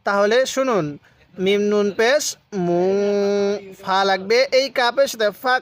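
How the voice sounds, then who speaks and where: A man's voice: sits high, normal speed, fairly bright tone. A man teaching a Quran reading lesson, patiently spelling out letters and syllables one by one. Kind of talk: step-by-step recitation lesson.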